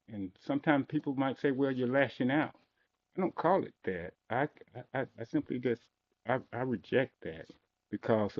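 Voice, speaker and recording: A man from Mississippi, speaking earnestly and insistently during public comment, heard on a courtroom-style meeting recording. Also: mid-range voice. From Mississippi, USA. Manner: earnest and insistent, pressing his points. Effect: lo-fi public meeting hall recording, like a courtroom tape. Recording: dull lo-fi meeting room recording.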